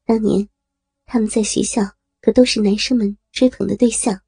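A woman narrating an audio story with a steady, measured reading. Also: medium pitch, vocal fry, breathy edge, no echo. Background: faint music.

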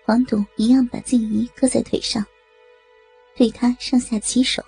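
A woman narrating a story in a steady, even storytelling voice. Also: fairly high pitch, normal speed, vocal fry, husky, soft background music, rough recording. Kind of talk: audio erotic story narration.

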